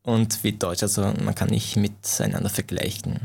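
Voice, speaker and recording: Speaking as an interviewee in a casual setting, a young man from Iran whose native language is Farsi has a fairly low, gravelly, slightly mellow voice with a flat delivery. He talks haltingly, groping for words and often beginning again.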